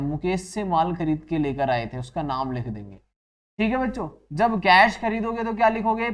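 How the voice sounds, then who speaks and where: Man teaching accounts, answering his own questions. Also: on the high side. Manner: asks questions and answers them himself; mixes English accounting terms into speech. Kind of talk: classroom-style lecture.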